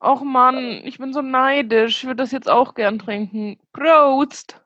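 A woman co-hosting a podcast over a video call, bubbly and laughing, quick with comebacks. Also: sits high, fairly bright tone, dry recording, muffled recording. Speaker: podcast co-host.

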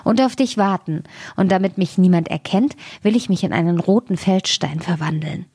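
A woman's voice: fairly low pitch, normal speed, warm tone, husky, no echo, studio quality. A woman voicing a young girl in a fairy tale, speaking in a slightly raised, urgent voice. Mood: calm. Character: frightened young girl, stepdaughter in flight.

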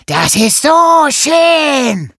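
A man voicing three cheeky little fox kids in a children's audio story, teasing and squeaky. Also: very animated, drawn-out words, creaky, pushed and bright, no room sound, clean studio sound, exaggerated voice.

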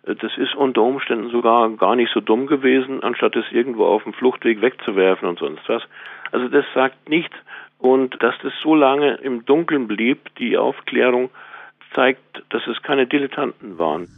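A man being interviewed as an expert explains things in a measured, matter-of-fact, analytical way, with halting spontaneous phrasing. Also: mid-range voice, no echo. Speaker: interviewed author and crime researcher. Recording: tinny phone-like narrow band, dry.

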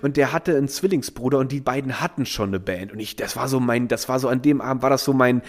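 A man's voice: medium pitch, fast talker. A man, telling an anecdote in casual chat and acting out the voices of the people in it. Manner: animated, acts out quoted voices, many fillers. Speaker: storyteller guest.

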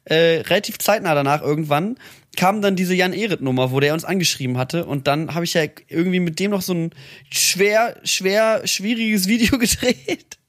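A man co-hosting a podcast, telling rambling, animated stories in casual chat and laughing often. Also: high voice, dry recording, clean studio sound. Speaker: podcast co-host.

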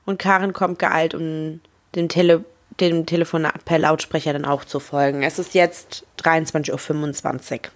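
A woman's voice: sits low, flat delivery, moderate pace. A woman casually narrating a true crime case, reading quoted phone dialogue aloud with small slips and casual asides.

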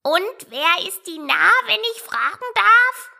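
A woman's voice: extremely high pitch, animated, takes it slowly, creaky, pushed and bright, pitched above the performer's own voice, exaggerated voice. A woman voicing a fussy, nosy parrot who asks questions in a lilting tone. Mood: curious.

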